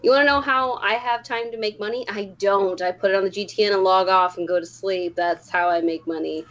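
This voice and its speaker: A woman's voice: medium pitch, fairly even intonation, fairly quick, a bit bright. Laughing woman in dull lo-fi audio. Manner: laughs often, acts out her own quoted reactions. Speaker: podcast co-host and streamer. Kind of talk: casual gaming chat.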